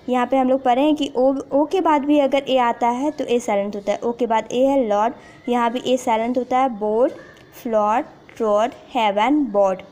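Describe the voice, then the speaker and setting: भारतीय लहजे वाली एक महिला शिक्षिका, जो धैर्य से नियम दोहराते हुए पाठ समझाती है और अंग्रेज़ी वाक्य धीरे-धीरे पढ़ती है।. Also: female voice, a little high, a little mellow. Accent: Indian. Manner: repeats rules patiently, reads English lines slowly. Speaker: English teacher. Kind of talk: slow explanatory lesson.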